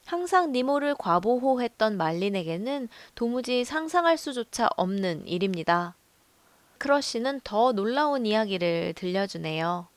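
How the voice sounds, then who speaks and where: A woman narrating a film review in a calm, measured storytelling voice. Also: a little high, no room sound. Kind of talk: scripted voice-over narration.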